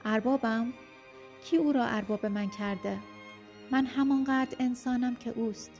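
A woman's voice: on the high side, darkish tone, faint music behind, lightly acted. A woman voicing a bitter, defiant young enslaved man who protests angrily.

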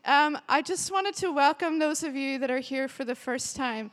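A worship director in her forties welcomes a church retreat to a large hall with a live audience, warm, chatty and emotional, breaking into bursts of cheering. Her high, bright voice moves at a moderate pace and rings out with long hall reverb.

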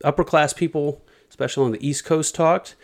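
A man presenting a little research to friends in a casual group chat, relaxed and halting, with many fillers and restarts. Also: fairly high pitch.

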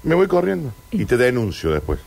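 A man's voice: mid-range voice, huge pitch swings, a little fast, gravelly, darkish tone, breathy edge. A man with an Argentine accent, bantering bluntly and teasing his co-host in casual chat. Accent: Argentine Spanish. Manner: teasing, blunt, mock-insulting.

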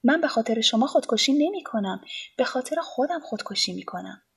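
A woman's voice: a little high, animated, gravelly, breathy edge, full character voice. A woman reading a storybook voices an agitated, despairing young man of twenty. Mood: pleading. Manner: agitated, raised voice.

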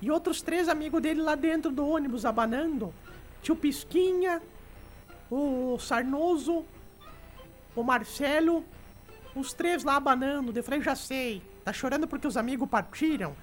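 Woman playing a cranky old lady on radio, high voice, bossy and teasing, faint music under. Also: moderate pace, close to an everyday voice. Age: older. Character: sharp-tongued old lady, bossy joker. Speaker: comic radio show regular.

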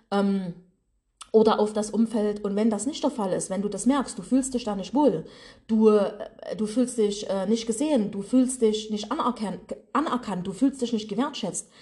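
A woman's voice: fairly high pitch, mellow. German woman coach with a regional dialect. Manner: colloquial, direct, speaks straight to listeners. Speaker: business and mindset coach. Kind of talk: motivational podcast monologue. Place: her office.

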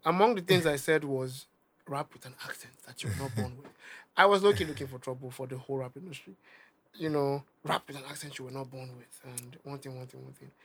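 A young Nigerian rapper, appearing as a guest, chats casually in an interview with a Nigerian accent and a medium-pitched voice. He's animated and emphatic, often repeating himself.

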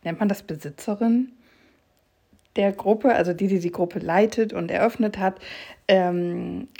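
Rambling woman podcast host, mellow voice. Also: mid-range voice, fairly even intonation, a little slow, creaky, breathy edge. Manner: chatty and rambling, many fillers and restarts. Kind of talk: casual solo podcast talk.

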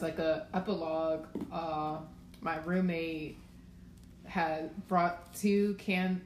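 A woman from Maryland chats as a guest on a casual podcast. Her voice sits low and she tells her stories in a relaxed, meandering way with lots of "like" and "um." The room is echoey, with a faint hiss behind her. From Maryland, USA. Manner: laid-back storyteller, full of filler words. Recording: roomy echo, faint background noise.

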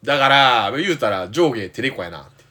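A man's voice: mid-range voice, animated, moderate pace, pushed and bright. A man with an Osaka accent, a podcast guest working through a dialect quiz in casual chat and reading each question aloud. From Osaka, Japan.

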